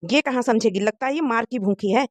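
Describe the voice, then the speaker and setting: A woman's voice: a little high, fairly quick, no echo, lightly acted. A woman voicing a stern young husband in a cartoon moral story, who scolds and threatens his wife. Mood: angry threats. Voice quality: harsh, scolding.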